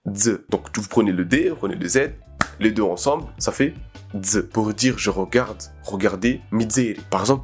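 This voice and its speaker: A young man from Madagascar giving a casual, chatty pronunciation lesson, repeating each example slowly. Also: lowish voice. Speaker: language tutor, video creator.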